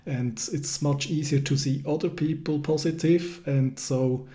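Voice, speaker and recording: A man hosting a casual interview, speaking hesitantly with many pauses and restarts. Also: on the high side, steady tone, warm tone. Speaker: host.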